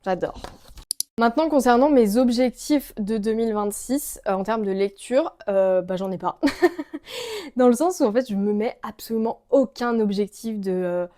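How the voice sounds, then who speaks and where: A woman's voice: on the high side, lively intonation, unhurried, dark tone. A young woman with a French accent, chatting casually to camera about books as a vlogger, gushing and full of fillers. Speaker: book vlogger.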